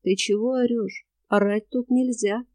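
A weary male spirit stranger in the afterworld, voiced by a woman, speaking in a quiet, cracked voice. He talks slowly and flatly, sounding indifferent, with a mellow tone. The storybook recording is dry and close. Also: medium pitch, no echo, natural voice. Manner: flat, indifferent, slow.

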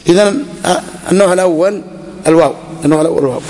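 A man's voice: high voice, racing, a little mellow, big-room sound. A man teaching an Arabic grammar lesson to students, repeating each phrase and quizzing the class with questions.

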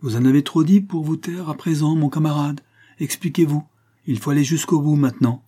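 A stern, impatient gentleman, as a male reader plays him, pressing his questions in a severe tone. He sits a little higher than the reader's own voice, dark and very husky. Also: animated, a little fast.

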